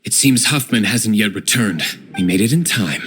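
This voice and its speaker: A man's voice: on the low side, lively intonation, moderate pace, a bit bright, slight background noise. An actor playing an aloof young nobleman vigilante in a video game, curt and formal, with dry disdain. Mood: curt, businesslike.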